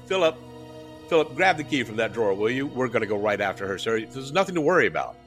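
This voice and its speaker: Brief: smooth, placating older desk clerk, polite and calm, played by the narrator. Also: male voice, medium pitch, quick pace, faint music behind.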